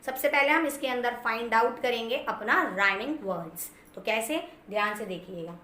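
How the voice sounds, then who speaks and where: A woman teacher giving an online lesson, explaining step by step and slowing down to read poem lines aloud. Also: fairly high pitch, pushed and bright. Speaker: English teacher. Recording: echoey room.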